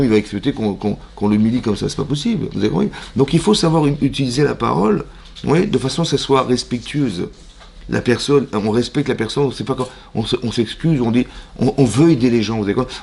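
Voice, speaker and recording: A rabbi teaching a mixed class in a synagogue, talking at a quick clip. His voice is gravelly, with a rough fry at the bottom. He plays both sides of little dialogues and keeps asking the room questions. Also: mid-range voice, a little mellow. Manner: asks the audience rhetorical questions and acts out both sides of imagined dialogues; uses Hebrew religious terms in everyday French speech. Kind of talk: lively mixed Torah class to a congregation.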